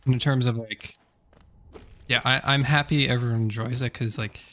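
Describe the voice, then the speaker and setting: A man's voice: medium pitch, fairly even intonation, moderate pace, fairly bright tone. A man with a slightly sore throat chatting casually on a gaming stream, rambling and correcting himself with many fillers.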